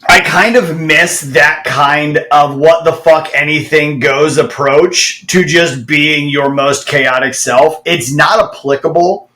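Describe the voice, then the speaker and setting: A man's voice: a little high, steady tone, takes it slowly, hardly any pauses, sharp tone. A man in his thirties hosting a podcast, laid-back and wry, reflecting on his old band days. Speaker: podcast host. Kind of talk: casual podcast chat.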